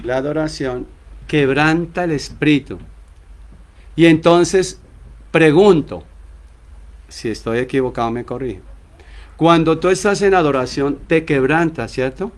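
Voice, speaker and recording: A man's voice: on the high side, unhurried, pauses often. A man preaching a sermon as pastor, asking the congregation rhetorical questions and acting out short quoted exchanges between church members.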